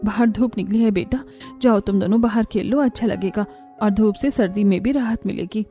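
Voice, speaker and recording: A woman's voice: mid-range voice, fairly quick, dark tone, faint music behind, natural voice. A woman voicing a caring poor mother. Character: poor caring young mother, anxious wife. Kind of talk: cartoon voice acting.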